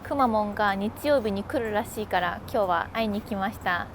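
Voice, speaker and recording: A woman chatting casually through a travel vlog, playful and quick with self-deprecating jokes while she walks around sightseeing. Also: mid-range voice. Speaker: travel vlogger. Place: out and about sightseeing in a city. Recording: background music under voice.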